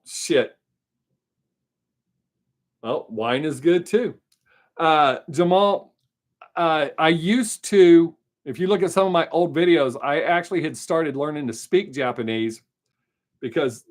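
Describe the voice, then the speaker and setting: A middle-aged American man with a Southern drawl, hosting a casual live stream and rambling frankly through viewer questions with some swearing. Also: a little high. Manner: rambling, chatty, frank and profane. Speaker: livestream host answering chat.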